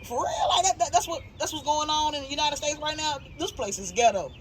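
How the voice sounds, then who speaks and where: A woman in her thirties with a Southern US accent hosts a casual sit-down interview, speaking briskly in a high voice. She's animated and slangy and states strong opinions plainly. A light hiss of background noise runs beneath her.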